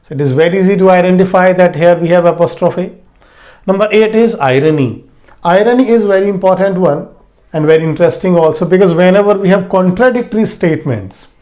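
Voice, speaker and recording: A man explaining a grammar lesson slowly, stressing and repeating key words. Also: sits high, darkish tone. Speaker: English teacher.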